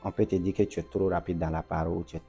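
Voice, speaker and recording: A man from Africa, a banker, calmly giving advice as an interview guest. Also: deep voice, racing, soft background music. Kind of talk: casual interview conversation.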